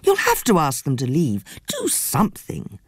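A woman's voice: low-pitched, huge pitch swings, normal speed, husky, no echo, clean studio sound, full character voice. A woman reading an audiobook, voicing an earnest, insistent friend.

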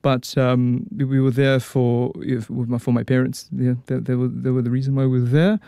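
A man talks easily as an interview guest, his voice mellow and warm. He circles back with fillers and restarts, and the sound is dry and close. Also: mid-range voice, flat delivery, moderate pace, gravelly, clear, resonant tone, no room sound. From New Zealand. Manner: chatty, frequent fillers and restarts. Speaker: opera tenor guest. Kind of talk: casual radio interview.

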